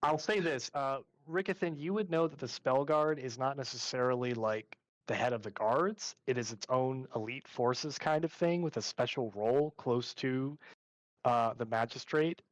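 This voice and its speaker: A man's voice: mid-range voice, moderate pace, no room sound, low-quality recording. Laid-back man running a tabletop game. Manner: casual, filler-heavy narration. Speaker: game master.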